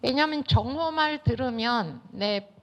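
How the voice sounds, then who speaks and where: A woman giving a lecture to teachers, acting out little dialogues between children, parents and teachers in an animated way. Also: a little high, a little slow, a little hiss or hum. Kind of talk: lecture with acted-out dialogue examples. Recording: dull lo-fi lecture recording.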